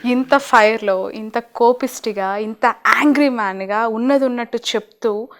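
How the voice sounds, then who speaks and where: A woman hosting an interview, asking questions in an expressive way. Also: a little high, moderate pace. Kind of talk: interview host.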